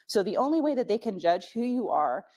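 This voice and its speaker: A young woman, a native German speaker, gives casual, frank advice at a scholarship workshop, chatty and full of fillers. Her mid-range voice is mellow and very animated, and she talks briskly.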